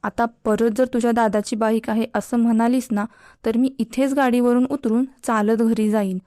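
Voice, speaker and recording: A woman's voice: on the high side, steady tone, moderate pace, warm tone, dry recording, clean studio sound, close to an everyday voice. A woman voicing an irritated young male college student who keeps complaining, in a spoken storybook. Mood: annoyed.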